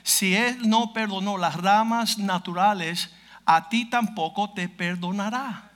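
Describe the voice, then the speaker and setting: A man preaching a fiery sermon who speaks bluntly, cracks mocking asides and bursts into shouts. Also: sits high, a little slow. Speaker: pastor.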